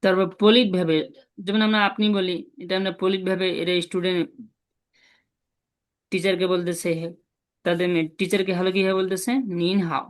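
A man teaching a Chinese class online. He repeats syllables slowly and asks his students questions as he goes. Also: high voice, level tone. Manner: drills syllables slowly, repeating them often.

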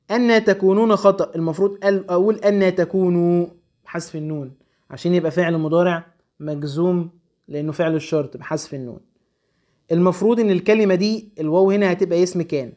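Egyptian man, grammar teacher, quick explanatory delivery, high voice, exam-prep lesson. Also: warm tone. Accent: Egyptian Arabic. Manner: brisk, explanatory, slows to stress answers.

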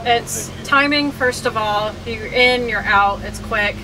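A woman's voice: fairly high pitch, takes it slowly, a crowd in the background, poor audio. A middle-aged American woman giving plain, conversational interview answers from inside a van. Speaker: interview guest, engineer. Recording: clear vehicle and fan noise.

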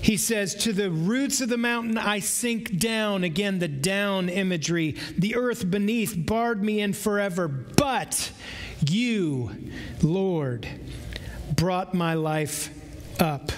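Slow, emphatic man preaching in a hall. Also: high-pitched. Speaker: pastor. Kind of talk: sermon. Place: large church sanctuary with stage. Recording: long hall reverb, faint room noise.

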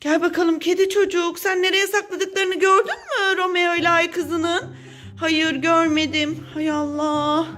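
A woman telling a playful toy story for children, animated and exclaiming often as she speaks straight to the kids. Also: extremely high pitch, moderate pace, hardly any pauses, faint music behind. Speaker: children's toy-play presenter.

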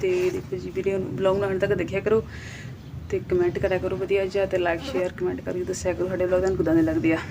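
A woman's voice: lowish voice, level tone, racing, noisy background. A woman in her thirties from Punjab with a Punjabi accent, talking casually to her vlog viewers in a plain-spoken, scolding way. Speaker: vlogger.

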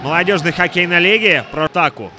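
A man commentating ice hockey play-by-play in an excited goal-call manner, shouting out big moments with drawn-out words. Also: high voice, music in the background.

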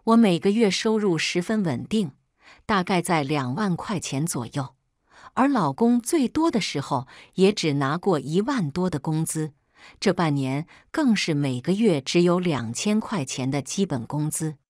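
Female storyteller, lowish voice, steady and cool scripted narration, dry close mic. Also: measured pace, dry recording.

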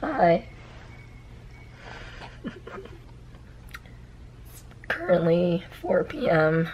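A young woman chatting casually in a vlog, sick and hoarse from losing her voice. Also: lowish voice, big pitch swings, extremely slow, a crowd in the background, low-quality recording. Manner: laid-back, chatty. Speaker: vlogger.

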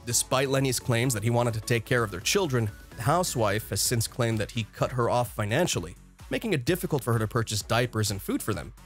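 A man reading a scripted celebrity gossip narration in a steady, even read-aloud delivery. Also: medium pitch, fairly quick. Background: faint background music.

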